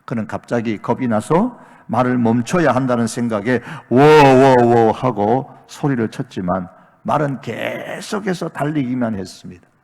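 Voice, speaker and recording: Middle-aged man preaching, lively rising and falling voice, long church hall echo, loud emphatic peaks. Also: medium pitch, normal speed, creaky. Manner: tells a story with acted-out dialogue. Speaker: senior pastor. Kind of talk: Sunday sermon. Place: church sanctuary. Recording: long reverb of a large church sanctuary.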